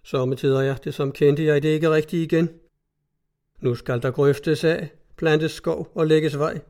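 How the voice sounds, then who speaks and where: A man voicing a grieving, weary old villager who speaks slowly and heavily. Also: fairly high pitch, fairly even intonation, a little mellow, close to an everyday voice. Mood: sorrowful. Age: older.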